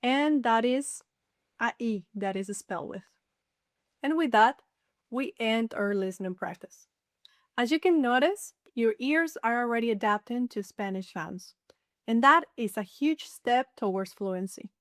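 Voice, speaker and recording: A woman teaching a beginner Spanish lesson, saying each word slowly and clearly and repeating it. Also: fairly high pitch, lively intonation, a bit bright, no echo, clean studio sound. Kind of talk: slow scripted language lesson.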